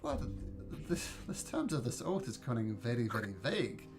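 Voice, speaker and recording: A man's voice: medium pitch, fairly quick, soft background music. A man from New Zealand running a tabletop game on a video call, joking with the players. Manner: animated, joking. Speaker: game master. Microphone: computer mic on a video call.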